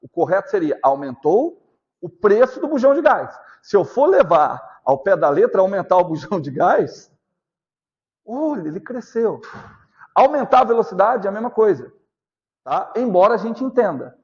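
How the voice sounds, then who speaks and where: A Brazilian male physics teacher giving a class lecture, often stopping to ask whether students are following and repeating key points slowly. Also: high-pitched, very animated, darkish tone, muffled recording. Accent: Brazilian Portuguese. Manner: asks constant check questions, repeats points slowly.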